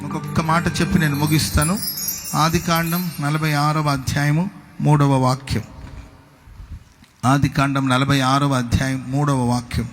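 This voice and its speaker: Man, pastor, sermon, call-and-response, loud then soft storytelling. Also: fairly high pitch, little pitch movement, unhurried, soft background music. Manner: preaching with call-and-response to the congregation; switches between loud exclamations and soft storytelling.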